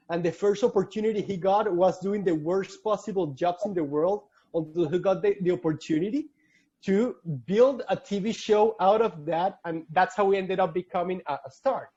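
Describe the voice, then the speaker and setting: Venezuelan man, thirties, earnest alumni talk over a video call, high voice, dull lo-fi sound. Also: warm tone. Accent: Venezuelan Spanish. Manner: earnest, frequent restarts. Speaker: alumni speaker. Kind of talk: casual slide presentation.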